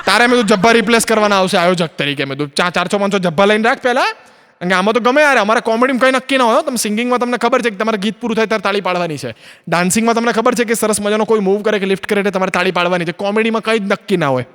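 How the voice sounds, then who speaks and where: On stage, a man with a high, clean, fairly bright voice performs stand-up very fast, telling stories and playing both parts of each conversation. A long auditorium reverb trails his words.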